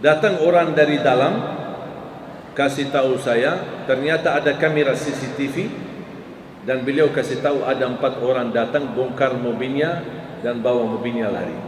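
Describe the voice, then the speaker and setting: A man giving a sermon, telling stories and raising his voice high on key words. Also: normal speed, recorded from a distance. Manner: storytelling, pitch rising sharply for emphasis. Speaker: preacher. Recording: echoey hall with faint ambient noise.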